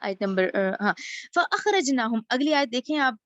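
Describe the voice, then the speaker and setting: A woman teaching a Quran lesson, reciting each Arabic phrase slowly and then explaining it in casual spoken Urdu. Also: fairly high pitch, animated, a bit bright, dry recording, lo-fi sound. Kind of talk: word-by-word Quran translation lesson.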